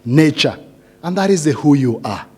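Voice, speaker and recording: A man's voice: fairly high pitch, expressive, normal speed, darkish tone, breathy edge. A middle-aged man giving a motivational speech to a seated audience, earnest, often repeating phrases and asking the audience questions. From Kenya. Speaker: speaker addressing a graduating cohort.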